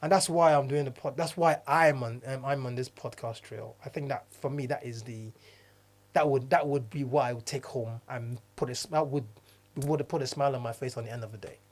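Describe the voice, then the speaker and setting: A man's voice: mid-range voice, steady tone, brisk. A man from Nigeria co-hosting a podcast in casual chat, speaking earnestly and often restarting his phrases. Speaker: podcast co-host, diversity consultant.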